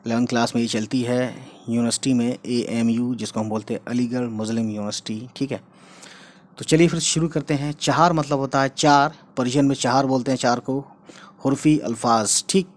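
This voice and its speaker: A man teaching a casual online language lesson, drawing out words slowly and often checking in with his listeners. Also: medium pitch, fairly even intonation. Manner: repeats words slowly, drawn out for pronunciation; chatty, checks in with "right?" and "guys". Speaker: Urdu teacher.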